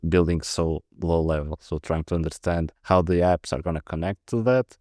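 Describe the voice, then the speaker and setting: Portuguese man, 30s, very low voice, halting casual answers, dry close mic. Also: darkish tone, dry recording. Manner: hesitant, many restarts and fillers. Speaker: podcast guest, protocol lead.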